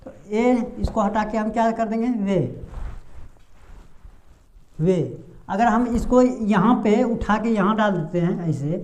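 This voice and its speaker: A woman teaching a pronunciation lesson patiently and step by step, pausing on drawn-out fillers and asking the class rhetorical questions. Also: medium pitch, a little mellow. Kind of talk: blackboard-style lesson explanation.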